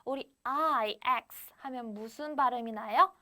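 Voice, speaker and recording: A young adult woman teaching English to young children online, counting aloud and mixing slow, sing-song English with Korean explanations. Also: a little high, sharp tone. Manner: counts aloud with rising emphasis. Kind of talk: online class for young learners.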